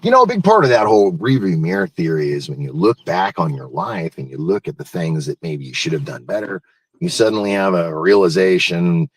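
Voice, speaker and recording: A man's voice: deep voice, animated, fairly quick, breathy edge, no room sound. A man hosting a live morning show in a casual, folksy, rambling way, wandering from one thought to the next.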